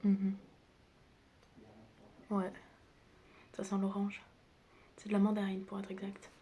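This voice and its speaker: This ASMR creator teasingly plays the listener's chaotic best friend who happens to be a doctor, speaking in a friendly, casual way. She talks slowly in a soft, breathy, medium-pitched voice that is completely flat and often whispered. Clicking and other background noise come through clearly on the close recording.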